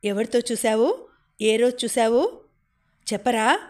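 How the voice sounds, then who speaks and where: A man's voice: extremely high pitch, lively intonation, unhurried. A woman reading the part of a stern middle-aged father who demands answers in anger in an audio novel. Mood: furious. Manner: loud, furious questioning.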